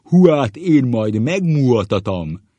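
A man doing a stern old schoolmaster with a deep, trembling voice that stretches and mangles its vowels, loud and slow. The voice is husky and dry, as in a comic storybook read aloud. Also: sing-song, no echo.

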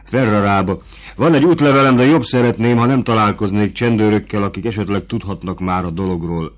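A man's voice: fairly low pitch, natural voice. A man voicing a young nobleman on the run, who speaks directly and pleadingly. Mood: urgent.

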